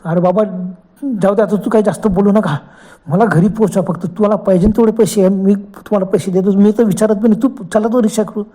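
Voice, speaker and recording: A man's voice: high-pitched, fairly even intonation, quick pace, warm tone. A man voicing a frightened young woman stranded at night, pleading and panicky. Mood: anxious.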